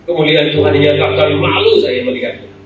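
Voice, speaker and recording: A male pastor preaching a sermon, retelling it dramatically and emotionally with sharp swings in pitch. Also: little pitch movement, a little fast, dull audio, slight background noise. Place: large church hall. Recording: very echoey church hall, voice from far off, live music behind. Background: musical instrument playing.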